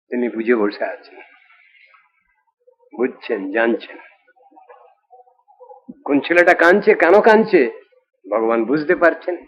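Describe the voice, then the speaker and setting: A man delivers a devotional discourse in a slightly higher-pitched voice, retelling a scripture story in a steady narrative way. He slows down deliberately whenever he chants a Sanskrit verse. The recording sounds dull and lo-fi. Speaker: preacher.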